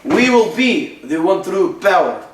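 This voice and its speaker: A man's voice: high-pitched, sing-song, unhurried, noisy background. A young man playing a boastful, threatening Soviet leader, trying a Russian accent. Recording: echoey room, mic far off.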